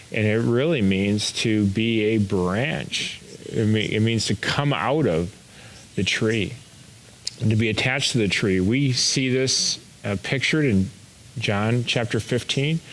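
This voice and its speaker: Man, pastor, low voice, slow explanatory sermon, faint background noise. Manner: slow, explanatory teaching with pauses. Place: home or church, recorded for online service.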